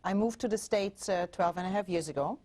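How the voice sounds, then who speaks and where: On a TV show, a German relationship coach in her forties speaks earnestly as a guest in a TV interview, her German accent clear, with frequent restarts and fillers. Her voice is fairly low, a little mellow, and fairly quick.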